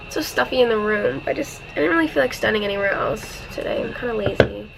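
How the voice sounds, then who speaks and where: A woman on an exchange program vlogs to her handheld camera, first in her dorm room and then outdoors on campus, talking fast in a high-leaning, creaky voice. Stuffy and congested, she rambles and laughs often, against a noisy background.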